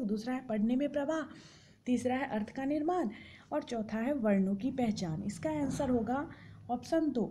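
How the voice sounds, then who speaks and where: A woman tutor works steadily through exam questions, reading each option in order before explaining the answer. Her voice sits a little high but sounds mellow and warm. Faint noise hums under the recording.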